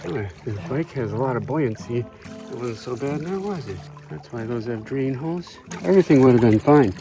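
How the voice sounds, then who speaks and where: A man's voice: mid-range voice, poor audio. A man casually narrating his solo bike ride through swampy forest trails, talking to the camera as he goes. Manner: chatty, self-narrating, breathless from effort at times. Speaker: bikepacking vlogger. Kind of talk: casual narration while riding. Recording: music playing underneath. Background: music.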